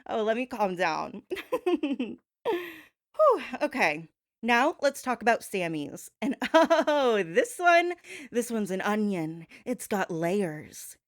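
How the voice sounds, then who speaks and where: In clean, echo-free studio sound, a woman hosts a performed gossip monologue with plenty of sass and theatrics. She drags out words for dramatic effect and keeps calling the listener "babe," her mid-range voice very animated.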